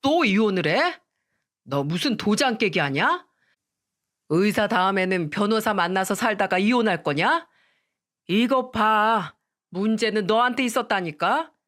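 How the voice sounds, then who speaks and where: A woman's voice: mid-range voice, expressive, a little slow, a bit bright. A blunt, scornful divorced man snaps short rebukes, voiced by a woman reading the story. The delivery stays curt and contemptuous, a radio-story scolding.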